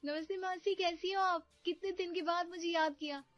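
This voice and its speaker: A woman voicing a sweet, polite newlywed niece in a cartoon story, soft and cheerful. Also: very high voice, fairly even intonation, moderate pace, no room sound, muffled recording, soft background music, voice pushed up.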